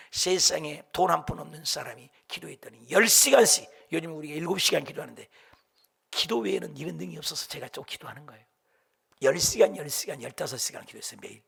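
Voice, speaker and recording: A man's voice: a little high, vocal fry, a bit bright, slightly rough. A middle-aged man preaching a sermon as pastor, impassioned and dramatic, firing rhetorical questions at the congregation.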